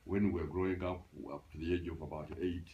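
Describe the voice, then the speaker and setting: Very deep-voiced man in his eighties. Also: highs cut off, slight background noise. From Uganda. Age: 80s. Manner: halting, restarts often, animated when recalling. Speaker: interviewee, grandfather. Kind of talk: casual reminiscing interview. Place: grandparents' house, indoors.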